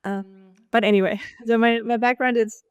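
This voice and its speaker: A woman's voice: fairly high pitch, fairly even intonation, moderate pace, smooth, dry recording. A woman from Austria with a light Austrian accent, chatting as a podcast guest with lots of ums and restarts. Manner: chatty, many ums and restarts, laughs easily. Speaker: guest, nutritional scientist. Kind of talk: casual podcast conversation.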